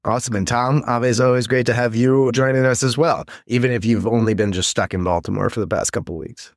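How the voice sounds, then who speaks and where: A man's voice: medium pitch, fairly even intonation, quick pace, no room sound, clean studio sound. A man co-hosting a medical education podcast, greeting his co-hosts and reading the show's disclaimer. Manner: friendly, welcomes and introduces co-hosts. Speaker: podcast co-host, physician.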